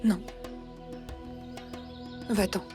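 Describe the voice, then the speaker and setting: A woman's voice: extremely slow, over music. An actress dubbing a loving young woman who stands firm with her partner, tender but resolute. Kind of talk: dubbed telenovela acting.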